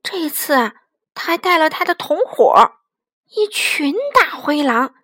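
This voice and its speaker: Brief: gentle, expressive woman reading a picture book, high voice, dry close sound. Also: unhurried, no room sound. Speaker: storyteller. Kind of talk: picture book read-aloud.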